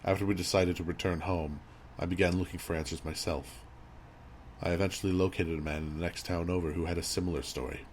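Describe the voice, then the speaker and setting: A man reading a scripted horror story as narrator, in a measured, grave storytelling manner. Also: low-pitched, fairly even intonation. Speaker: creepypasta narrator. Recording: audible background noise and ambience.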